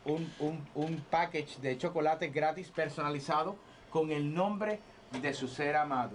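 A man playing an over-polite, hesitant chocolate salesman on a phone sales pitch, repeating himself. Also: measured pace, natural voice. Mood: courteous. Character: polite male chocolate salesman claiming to be French. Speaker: prank caller. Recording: noisy radio phone call.

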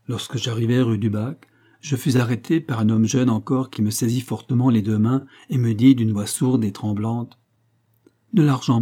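A man narrating a nineteenth-century story in a steady, literary reading. His voice is dark and mellow, with a husky edge. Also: medium pitch. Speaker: audiobook narrator. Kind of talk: scripted narration.

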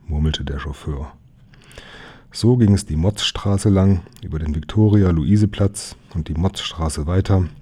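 A man reading a children's novel aloud as narrator, lively and switching voices for the characters. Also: low-pitched, breathy edge. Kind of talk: storybook reading.

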